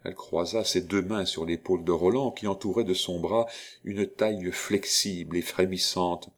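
A man narrating a classic novel aloud in a measured, literary reading. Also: low-pitched, steady tone. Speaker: audiobook narrator.

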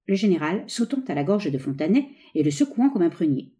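A woman reading a play aloud, giving the stage directions in a low, even voice. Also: brisk. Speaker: reader of a play.

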